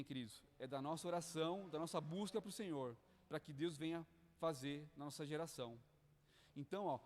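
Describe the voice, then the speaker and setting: A man's voice: on the high side, a little mellow. A man preaching a sermon to church leaders in Brazilian Portuguese, fervent and pleading, often asking "né?" and calling the listeners "queridos". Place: church hall. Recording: long hall reverb.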